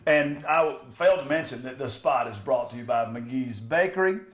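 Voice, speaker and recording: A man's voice: medium pitch, normal speed, a bit bright, a little hiss or hum. A man hosting a joking cooking segment, teasing his co-host with playful, rambling, mock-serious asides. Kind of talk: joking comedy cooking bit.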